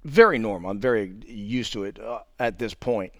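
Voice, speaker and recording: A man's voice: lowish voice, normal speed, a bit bright, dry recording. A man, a father of three and an ultramarathon runner, telling his race story in a casual, jokey, conversational way, full of playful euphemisms. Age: adult father of three. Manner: often opens sentences with "now". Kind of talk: casual first-person race recap.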